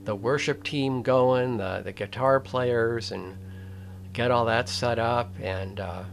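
Sitting at a desk in a small room close to a webcam, an older video essay host delivers slow, reflective commentary, weighing each phrase very unhurriedly. His gravelly voice sits in a normal middle pitch, his manner deliberate and wry with pauses, restarts and dry asides, and there is slight background noise.

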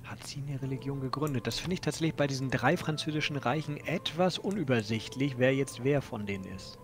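A man's voice: mid-range voice, brisk. German man explaining his game moves. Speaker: co-player in a let's play. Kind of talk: casual gameplay chat.

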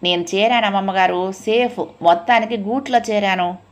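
A woman voicing a timid young woman who speaks politely and softly. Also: mid-range voice, normal speed, natural voice.

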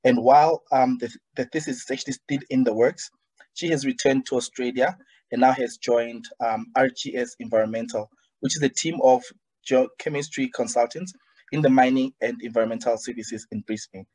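Husky-voiced young man introducing a guest. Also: mid-range voice, fairly even intonation, fairly quick, darkish tone, low-quality recording. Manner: hesitant, many ums. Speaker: webinar host. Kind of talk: reading a guest bio. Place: indoor room, padded wall behind. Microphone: video call webcam.

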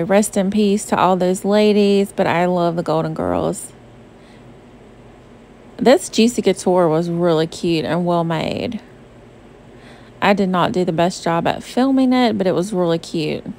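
A woman's voice: on the low side, darkish tone, a little hiss or hum. Chatty woman from the southern US. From Southern United States. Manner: chatty and bubbly, many fillers like "um" and "like". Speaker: shopping vlogger. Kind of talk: casual voice-over narration of a shopping trip. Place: voice-over recorded apart from the pictured store. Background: faint background music.

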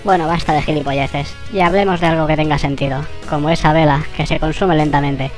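A channel host with a Spain Spanish accent, voice sped up like a tape on fast forward, giving a sarcastic, swear-laden anniversary monologue. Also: medium pitch, steady tone, music in the background. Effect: sped-up squirrel voice, like a tape on fast forward.

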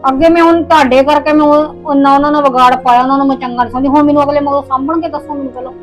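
A woman's voice: sits high, steady tone, soft background music, natural voice. An actress playing a regretful middle-aged stepmother in a drama, pleading and rambling in a Punjabi accent. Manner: pleading, rambling, quick complaints. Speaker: mother character. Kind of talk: Punjabi short drama acting.

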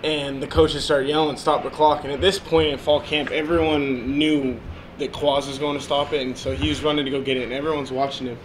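A man telling an animated story in an interview. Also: fairly high pitch, a little fast, noisy background.

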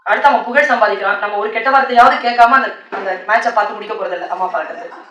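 A woman giving a motivational speech to an audience, telling stories in a lively way and mixing in English words. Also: mid-range voice, rapid-fire. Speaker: motivational speaker. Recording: echoey hall, distant mic.

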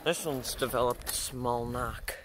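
A man with a medium-pitched voice talks casually in a monotone, giving words little stress, as a vlog host would. He is outdoors on a handheld mic, with very loud noise around his voice. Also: unhurried. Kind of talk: casual first-person vlog narration. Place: outdoors in a yard. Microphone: handheld camera or phone mic.

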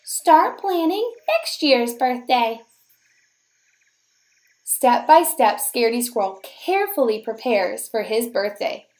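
With a voice that runs a little high, a woman plays teacher and reads a picture book for young children. Each line comes out slow, deliberate, and full of expression.

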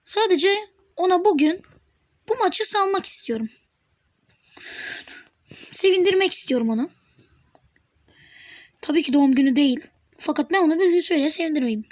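Excitable high-voiced woman gaming. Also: moderate pace, long pauses. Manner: excitable, teasing, talks to the game. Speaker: gaming channel host. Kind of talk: live gameplay commentary.

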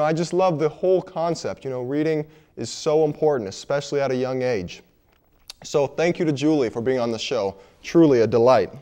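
A man's voice: a little high, warm tone. A man hosting a local TV arts show, friendly and stumbling a little over his questions. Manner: friendly, hesitant restarts. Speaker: host. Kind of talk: local TV interview. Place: local TV studio.

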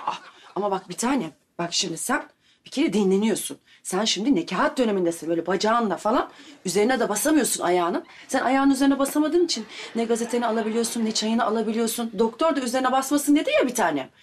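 A woman's voice: a little high, lively intonation, fast, slight background noise, close to an everyday voice. An actress playing a wife who teases and soothes her laid-up husband. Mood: teasing. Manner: coaxing, teasing, soothing.

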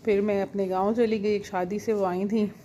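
Pakistani lady vlogging outside on her roof, calm storytelling, a little outdoor hiss. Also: medium pitch, normal speed. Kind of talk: casual vlog narration. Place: home rooftop, outdoors.

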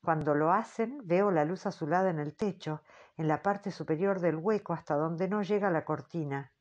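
Low-voiced woman narrating an audiobook. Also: moderate pace, darkish tone, lo-fi sound. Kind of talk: scripted first-person narration.

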